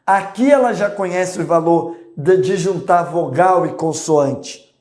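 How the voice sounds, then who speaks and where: High-voiced Brazilian man teaching slowly. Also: darkish tone. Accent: Brazilian Portuguese. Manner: explanatory, checks in with "ok?" and "gente". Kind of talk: recorded online class. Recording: echoey room.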